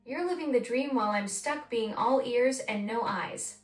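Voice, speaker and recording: This AI assistant co-host is a synthetic woman's voice, fairly high and at a moderate pace, chatting casually with eagerness and lots of praise. She's picked up off-mic from a distance, sounding roomy, with faint music behind her.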